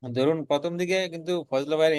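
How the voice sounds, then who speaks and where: A man's voice: fairly high pitch, fairly quick, darkish tone, clear, resonant tone, dry recording. A young man, telling the story of his freelancing career in an earnest, casual way and often repeating words as he builds a point. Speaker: freelancer guest.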